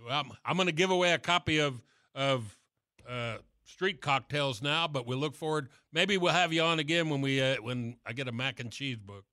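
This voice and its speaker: A man hosting a casual live radio interview, talking in a loose, halting way. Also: mid-range voice, bright, forceful tone, no echo, studio quality. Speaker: radio show host.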